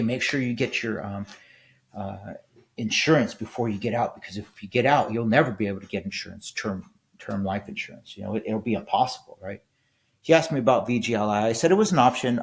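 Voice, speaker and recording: Rambling bluntly on his own casual podcast, this veteran in his fifties keeps restarting and ends points with "right?". He has a lowish, gravelly voice.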